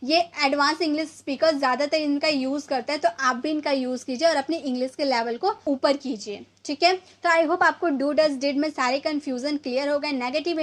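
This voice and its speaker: A woman with a Hindi accent teaching spoken English grammar, who explains patiently and repeats each example sentence slowly. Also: high-pitched.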